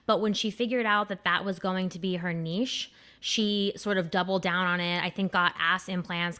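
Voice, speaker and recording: A woman's voice: lowish voice, a bit bright, clean tone. Candid, foul-mouthed young woman podcast host. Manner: candid, crude and rambling, with many fillers. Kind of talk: casual chat.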